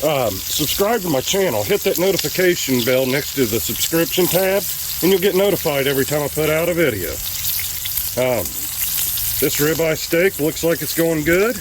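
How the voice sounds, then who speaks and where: A man hosting a casual outdoor cooking vlog, talking in a relaxed way with frequent ums. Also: fairly high pitch, moderate pace, noisy background. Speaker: outdoor cooking channel host. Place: outdoors at a camp stove.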